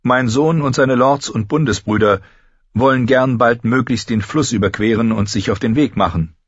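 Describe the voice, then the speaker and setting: A man's voice: medium pitch, no echo, muffled recording, voice pushed up, natural voice. A man voicing a composed, courteous noble lady, in an audiobook reading. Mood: polite. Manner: measured, polite.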